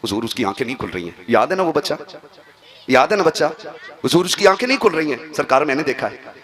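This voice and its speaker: A male preacher telling an emotional story in a sermon, dropping to a hushed, tearful voice and then rising to impassioned cries. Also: on the high side, sing-song, fast. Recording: live gathering with audible crowd.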